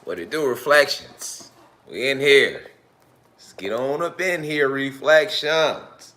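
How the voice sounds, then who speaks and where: Male host of a casual night-class stream, loose and repetitive, talking right at the audience, with a keen, forceful edge. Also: mid-range voice, slow pace. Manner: loose, profane, repetitive, talks straight to the audience. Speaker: lecturer hosting an online night class. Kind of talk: casual live-stream lecture.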